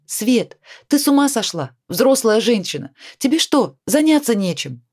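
A woman's voice: fairly high pitch, sing-song, measured pace, darkish tone, pitched above the performer's own voice. A woman doing a stern, scolding adult friend. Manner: scolding, then coaxing.

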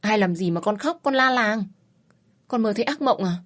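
A woman's voice: medium pitch, expressive, normal speed, lightly acted. A woman voicing a worried, blunt middle-aged mother fussing over her sick daughter. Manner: bossy, blunt, fretting.

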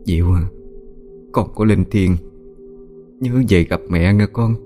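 A male narrator voicing a grieving old mother who speaks softly and pleadingly. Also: sits low, takes it slowly, faint music behind. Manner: soft, pleading.

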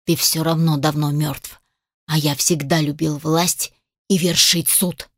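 A power-hungry male phoenix , put on by a woman narrator, growls his threats low and menacing in a lowered voice. The reading is dry and close, with no room around it. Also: little pitch movement, unhurried, no room sound.

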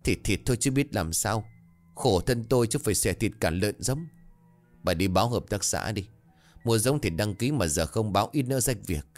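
A man's voice: fairly low pitch, lively intonation, moderate pace, a little mellow, faint music behind, natural voice. A man voicing a stern, worried older farmer who talks curtly to his wife. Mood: gruff. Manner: gruff, curt.

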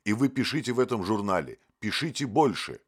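A man's voice: fairly low pitch, sing-song, fairly quick, slightly rough, voice pushed up. A man voicing an irritable, impatient man who snaps and interrupts. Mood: irritated. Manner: snappish, impatient. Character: irritable, impatient male bohemian.

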